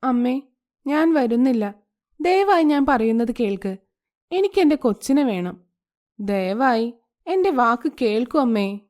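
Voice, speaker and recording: A woman's voice: on the high side, sing-song, measured pace, pauses often, darkish tone. A woman voicing an anxious young pregnant wife who begs and pleads in a storybook tale. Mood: pleading.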